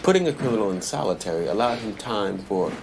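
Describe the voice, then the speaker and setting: An actor playing a world-weary prison inmate who narrates in a blunt, sardonic, profane way. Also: male voice, fairly low pitch, animated, fast talker, vocal fry. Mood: reflective. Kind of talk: scripted TV drama monologue. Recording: audible background noise.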